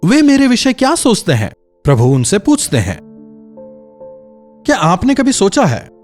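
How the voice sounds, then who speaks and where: A male pastor giving a daily devotional sermon, preaching expressively and putting rhetorical questions to his listeners. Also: high voice.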